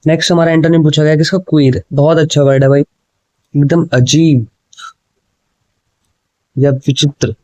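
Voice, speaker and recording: A man with a fairly high but mellow voice teaches a casual exam prep lesson, switching between Hindi and English. He reads each English question slowly and then breaks it down for his students in an easy, chatty way. The sound is dry and close, with no room echo. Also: level tone, dull audio. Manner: explains in Hindi with English words, often says "ठीक है" and "भाई".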